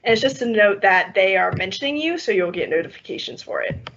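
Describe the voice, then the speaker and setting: A young woman who trains workshop teachers walks through a software demo step by step on an online call. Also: mid-range voice, brisk. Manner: steady step-by-step explaining with soft laughs. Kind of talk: screen-share software demo. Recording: slightly muffled online call audio with faint noise.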